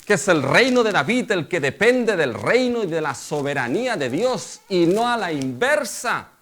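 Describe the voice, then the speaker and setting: A middle-aged male pastor delivers a sermon, repeatedly posing rhetorical questions to the congregation and calling them brothers. His voice is high, very animated, and fairly bright, at normal speed.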